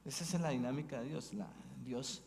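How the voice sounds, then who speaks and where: A man delivers a sermon as a bishop, his voice sitting at an ordinary middle pitch. He preaches in a storytelling way and often checks in with the congregation through tag questions. His words hang in a long church reverb. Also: normal speed, creaky, a little mellow. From Colombia. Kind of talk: Advent mission sermon.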